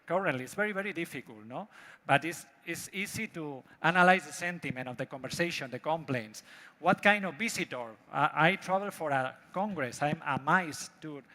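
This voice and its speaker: Spanish man pitching in broken English, echoey hall. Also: expressive, sharp tone. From Spain. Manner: broken English, halting non-native phrasing. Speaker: startup presenter pitching a product. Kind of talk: live pitch presentation with demo. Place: large event hall. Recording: echoey hall with long reverb.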